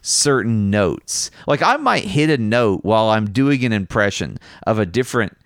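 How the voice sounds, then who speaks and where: Low-voiced man, rambling co-host. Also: big pitch swings, normal speed, dry recording, clean studio sound. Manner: rambling, self-deprecating, hesitant restarts. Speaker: podcast co-host. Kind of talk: casual chat.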